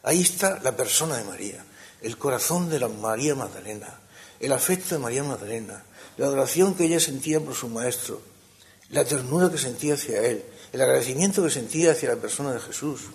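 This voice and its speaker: A man delivers a sermon in a gravelly voice of middling pitch. His phrasing climbs into emphatic peaks and then drops to near-whispered stretches. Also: expressive, fairly quick. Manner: swings between emphatic rises and hushed, soft passages. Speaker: preacher.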